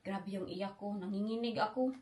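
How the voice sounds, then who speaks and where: A woman's voice: medium pitch, moderate pace, a little mellow. A young Filipina woman, vlogging as she retells an emotional travel story and mixes English phrases into her talk. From Philippines. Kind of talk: storytelling vlog, retelling with quoted voices.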